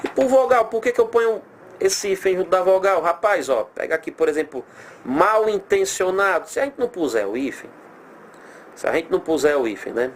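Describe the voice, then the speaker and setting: In a high voice over slight background noise, a Brazilian-accented man leads a recorded grammar lesson. He stays lively, lingering slowly on example words and questioning himself rhetorically.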